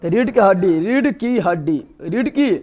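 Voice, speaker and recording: This young biology teacher speaks in a high-pitched, expressive voice with a darkish tone. In a lecture manner, he quizzes the class quickly and often, repeating important terms until they stick.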